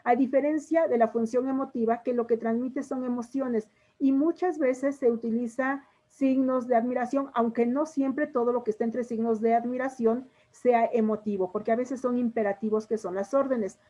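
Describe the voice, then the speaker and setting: A woman's voice: fairly high pitch, steady tone, moderate pace, dark tone. A woman teacher with a Mexican Spanish accent explains language functions to her students in an online class, addressing them directly.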